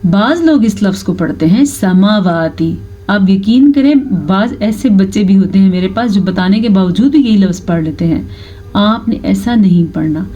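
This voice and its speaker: Female tajweed teacher, warm low-key tone, chants slowly then explains briskly. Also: husky, lo-fi sound. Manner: alternates slow drawn-out chanted recitation with brisk spoken explanation. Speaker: Quran recitation teacher. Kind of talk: tajweed lesson, explaining and demonstrating recitation.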